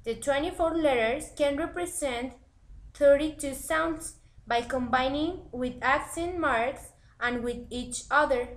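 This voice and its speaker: A woman presenting a scripted language lesson, reading it aloud in a deliberate way. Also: high voice, rough recording.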